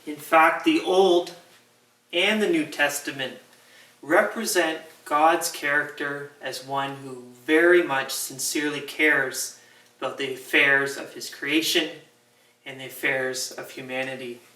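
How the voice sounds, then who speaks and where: A man with a slightly high voice delivers an informal sermon in a very echoey gym. He sounds a little distant from the mic, with a long ring around his words. He explains things emphatically, leaving deliberate pauses. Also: steady tone, sharp tone. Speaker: host of a faith series, preacher.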